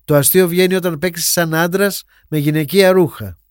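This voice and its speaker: A man narrating a documentary in a calm, measured, scripted way. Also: a little high, smooth, dry recording, clean studio sound.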